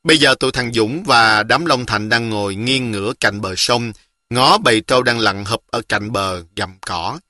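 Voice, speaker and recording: A man reading a children's novel aloud in a lively storytelling manner. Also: medium pitch, moderate pace, no room sound, studio quality.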